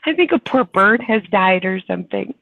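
A woman's voice: mid-range voice, lively intonation, moderate pace, creaky, no room sound. A woman in a casual chat, telling funny stories and laughing often. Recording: tinny phone-like dry line.

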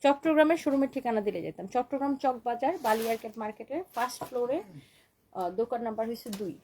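High-voiced woman selling dresses live. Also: fast, darkish tone, a little hiss or hum, rough recording. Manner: chatty, keeps asking "okay?", mixes English words into Bengali. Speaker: online boutique owner selling dresses live. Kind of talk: live-stream sales pitch, reading viewer comments.

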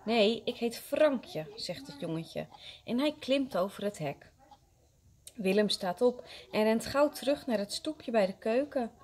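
A kindergarten teacher, a woman, reading a story aloud to young children with expressive, gentle storytelling. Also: on the high side, measured pace.

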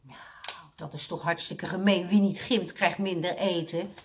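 A woman's voice: on the low side, fairly even intonation, moderate pace, slightly rough. A woman voicing a feisty older grandmother who speaks out bluntly against unfairness. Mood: indignant.

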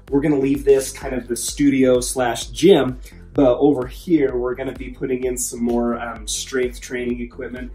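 A man's voice: mid-range voice, dark tone. A man in his thirties, a physical therapist hosting a casual home-renovation vlog, talking upbeat and enthusiastic to his viewers from an unfinished basement on a handheld camera. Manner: upbeat and enthusiastic, keeps addressing the viewers as "you guys". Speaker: physical therapist and fitness channel host. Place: unfinished basement under construction, indoors. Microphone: camera mic, often handheld at arm's length. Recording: echoey bare room with faint background music.

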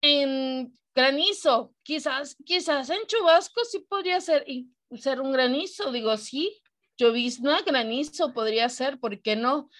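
Mexican lady teacher on a video call, high voice, patient, keeps asking the class stuff. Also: a little slow, fairly bright tone. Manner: explains patiently, often asking the class questions. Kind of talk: online class lecture.

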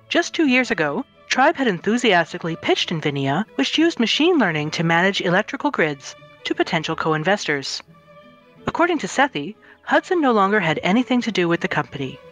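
A woman's voice: lowish voice, a bit bright, highs cut off. A woman on a podcast panel reading a news article aloud in a put-on newscaster voice.

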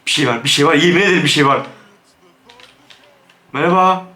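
A man commentating a Minecraft let's play, jumpy and excitable, dropping to hushed, scared whispers. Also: on the high side, fairly quick, echoey room. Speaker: gaming YouTuber.

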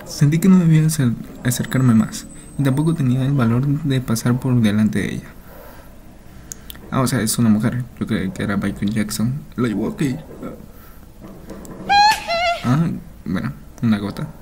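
A man's voice: mid-range voice, moderate pace, pauses often, noisy background. A man reads a horror story aloud, reacting with nervous jokes and often dropping to a whisper. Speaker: channel host.

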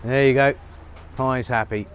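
Casting: middle-aged bloke, lapel mic, upbeat farm vlogger, faint outdoor ambience. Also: male voice, medium pitch, fairly even intonation, unhurried, a little hiss or hum. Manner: chatty, upbeat, many fillers. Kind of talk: casual vlog narration to camera. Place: outdoors on a rural farm, rainy.

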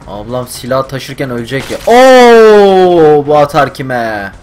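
Young guy yelling at a zombie game on stream, game music behind. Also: medium pitch, moderate pace. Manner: excitable, swears, yells at the game. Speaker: gaming streamer. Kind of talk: live game commentary.

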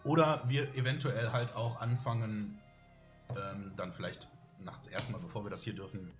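A man's voice: on the low side, steady tone, normal speed. A man hosting a live stream, chatting casually with viewers and rambling with many fillers. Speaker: streamer host. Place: studio room with windows. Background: faint music.

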